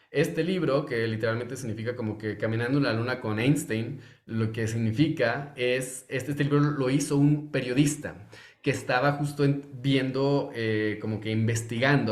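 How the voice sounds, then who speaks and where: A man gives an informal lecture, his voice sitting at an ordinary middle pitch. He talks in a loose, conversational way, often stopping and restarting his sentences. The room around him is echoey. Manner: conversational, many fillers and restarts. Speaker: Hebrew course teacher.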